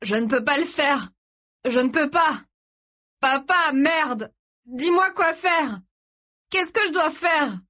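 A woman reading an audiobook voices a panicked young man who shouts desperately for help and sobs as his father dies. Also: very high-pitched, expressive, slow pace, long pauses, voice pushed up, heavily acted. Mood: sobbing pleas. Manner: shouting desperately, sobbing pleas.

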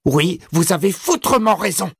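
Un homme qui joue un adolescent furieux et paniqué, d'une voix aiguë et venimeuse, dans un livre audio. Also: male voice, lively intonation, normal speed, breathy edge, dry recording, clean studio sound, heavily acted. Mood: furious. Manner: shrill, shouting, venomous. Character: frantic furious teenage boy.

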